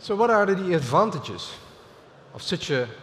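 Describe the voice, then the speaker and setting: A man's voice: high voice, big pitch swings, fairly bright tone, slight background noise. Dutch-accented man in a reverberant hall. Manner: halting, with frequent fillers and restarts. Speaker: keynote speaker. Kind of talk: business keynote presentation. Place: large conference stage. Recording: reverberant hall with faint ambience.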